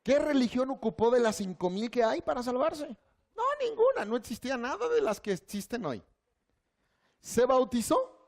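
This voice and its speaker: A man with a Mexican Spanish accent preaching a sermon, asking his listeners questions and leading them in a quiet prayer. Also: extremely high pitch, big pitch swings, moderate pace, vocal fry. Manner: asks the congregation questions, acts out quotes, ends in a quiet guided prayer. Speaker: pastor.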